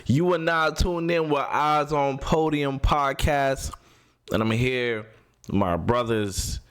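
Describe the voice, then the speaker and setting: A man hosting a casual sports podcast, repeating words in quick bursts as he talks. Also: mid-range voice, a bit bright, clear, resonant tone. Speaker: podcast host.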